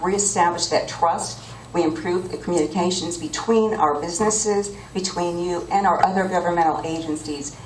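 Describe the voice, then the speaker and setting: A woman's voice: fairly low pitch, a little mellow, slight background noise. A woman giving an earnest, appealing campaign speech as a political candidate. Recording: echoey room from far off.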